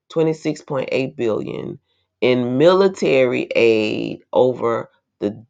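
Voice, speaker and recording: A woman's voice: very deep voice, gravelly, a little mellow. A woman reading an article aloud and breaking off into indignant, emphatic commentary. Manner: indignant, emphatic asides between read passages. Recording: slightly dull, lo-fi recording.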